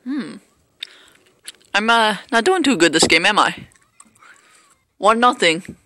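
A man's voice: high voice, lively intonation, takes it slowly, sharp tone, dry recording. A man casually commentating his own baseball video game play, rambling and joking at himself with lots of fillers. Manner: rambling, self-mocking, hesitant with fillers. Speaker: gameplay commentator.

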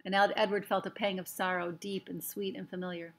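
A woman reading a children's novel aloud in a gentle, expressive storybook manner. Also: mid-range voice, fairly quick. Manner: gentle, expressive storytelling with voiced character lines.

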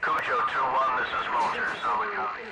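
A man's voice: mid-range voice, wildly swooping pitch. Man calling orders over a military radio. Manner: clipped, brisk military radio procedure. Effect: heard over a two-way military radio. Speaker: radio operator in a military exercise.

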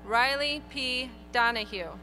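A woman reading graduates' names one by one at an outdoor graduation ceremony, in a clear, measured announcing manner. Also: fairly high pitch, sharp tone, faint music behind. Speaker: graduation name reader. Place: outdoor stadium ceremony over PA.

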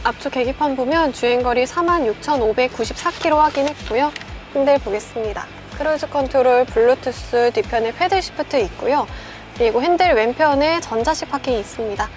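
A woman's voice: high voice, a little fast. A young woman giving a methodical, polite scripted car walkaround as a sales presenter, over background music. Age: young adult. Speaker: used car dealership presenter. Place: large indoor car showroom, car interior and garage.

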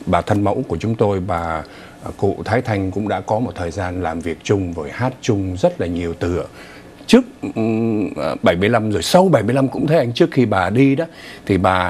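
Middle-aged guy hosting news talk in a studio, lots of uh's, low voice. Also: darkish tone, slight background noise. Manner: many hesitations and fillers, addresses viewers. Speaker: host of a news talk show.

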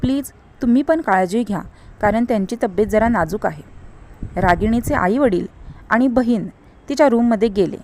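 A woman narrating an audio story, reading out the dialogue of every character herself in an expressive way. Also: moderate pace, a little hiss or hum. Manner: expressive, shifts pitch for dialogue, cries out in tense scenes.

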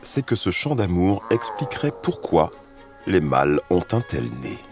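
A man's voice: low-pitched, sing-song, normal speed, over music. A man presenting and narrating a nature documentary in a scripted style.

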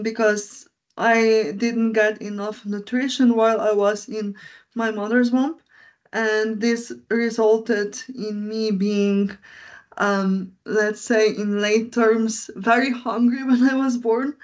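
A woman in her twenties from Slovenia, first language Slovene, speaking slowly and deliberately as a video call guest. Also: on the high side. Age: 20s. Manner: slow, deliberate, soft laughs. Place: indoors at home. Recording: dull lo-fi video call audio.

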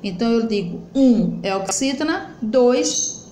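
A woman's voice: fairly high pitch, expressive, a little slow, dark tone, slight background noise. A young adult woman teaching children grammar, stretching words out syllable by syllable in a patient, explanatory way. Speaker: primary school teacher. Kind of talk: online grammar lesson for children. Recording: echoey room.

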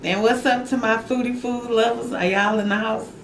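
A young woman greets her food-loving viewers in a playful, sing-song drawn-out way. Her voice is fairly high, and the room adds echo. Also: fairly even intonation. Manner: sing-song, repeats catchphrases. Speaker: mukbang host. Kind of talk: playful mukbang chat to camera. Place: indoor room at home. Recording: roomy echo, faint noise.

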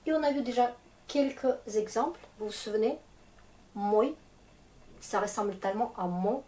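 A woman's voice: on the high side, moderate pace, warm tone. A woman teaching a language lesson in French, explaining patiently step by step. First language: Russian. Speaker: Russian teacher. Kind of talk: slow, clear language lesson.

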